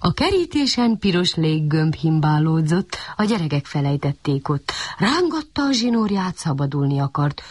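Woman reading a children's tale, lively rising and falling voice, slightly husky, close dry sound. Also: deep voice, no room sound. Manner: expressive, animated storytelling. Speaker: storyteller. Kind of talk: reading a children's story aloud.

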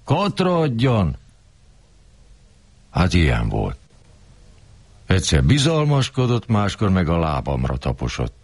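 A man's voice: deep voice, big pitch swings, darkish tone, husky, dry recording. An older man performing a coarse, grumbling, rambling comic monologue.

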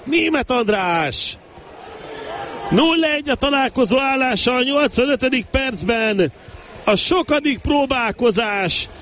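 A man giving excited Hungarian sports commentary on a football match, bursting into shouts at the big moments. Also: extremely high pitch.

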